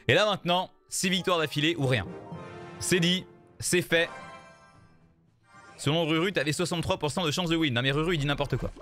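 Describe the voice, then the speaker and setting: With game music faintly audible, this mobile card game streamer riffs on his matches in a lively, joking way, addressing viewers as "les gars" and repeating himself. His voice is on the high side and a little fast, though he takes long pauses.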